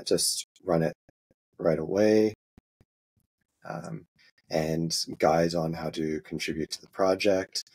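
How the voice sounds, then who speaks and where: A man with a very deep, gravelly voice that has a husky edge, guesting on an interview as an open source maintainer. He walks through a software demo in a halting, easygoing way, dotted with filler sounds.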